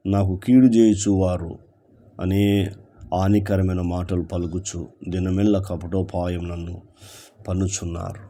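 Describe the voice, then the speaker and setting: A man with a Telugu accent preaches an evening sermon in a low, mellow voice. He reads scripture in a slow, emphatic way, repeating key phrases and pressing each line home to his listeners. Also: level tone. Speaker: pastor. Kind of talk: sermon reading and expounding scripture.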